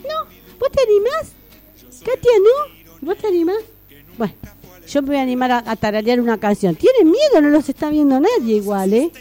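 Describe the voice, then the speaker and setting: A woman hosts a radio segment with children gathered at the studio microphone. Her voice sits high and mellow, and she coaxes the kids with playful encouragement. Faint music plays behind her. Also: wildly swooping pitch, normal speed. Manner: playful, coaxing children to join in. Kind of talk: casual radio chat with children.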